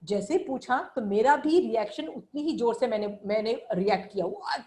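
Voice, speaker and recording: A woman's voice: a little high, lively intonation, moderate pace, dark tone, low-quality recording. A middle-aged woman giving an earnest religious lecture, mixing Hindi and English and teaching through personal anecdotes.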